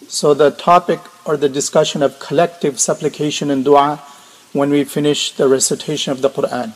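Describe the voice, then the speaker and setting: A man preaching formally and emphatically to a congregation, his voice coarse, gravelly and hoarse from a sore throat, restating points in synonyms. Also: on the high side, darkish tone, poor audio. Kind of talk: sermon to a congregation.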